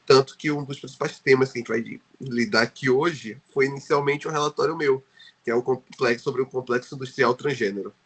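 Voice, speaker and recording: Brisk and a bit bright, with a breathy edge, this medium-pitched Brazilian man talks in Portuguese with a Brazilian accent as a guest researcher on a podcast interview. His speech is hesitant and packed with fillers and restarts.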